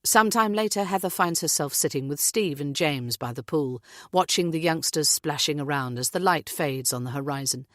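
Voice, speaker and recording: A woman narrating a mystery audiobook, reading in an even, descriptive way. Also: low-pitched, normal speed, few pauses, no echo, clean studio sound. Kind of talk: scripted narration.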